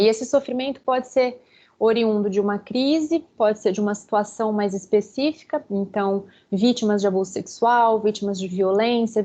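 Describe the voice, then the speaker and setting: A woman's voice: medium pitch, darkish tone. A woman psychologist giving a conversational talk to teachers, often checking in with her listeners and acting out everyday remarks. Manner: chatty, keeps checking in with listeners and acts out quoted remarks. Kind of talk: conversational lecture. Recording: dull lo-fi recording.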